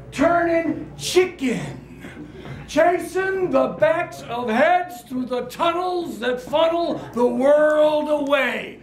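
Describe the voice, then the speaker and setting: An older man, a performance poet, chanting and leading a crowd in call-and-response in a gallery room, recorded by a far camera. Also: very high voice. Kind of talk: interactive spoken-word performance. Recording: echoey room, crowd noise.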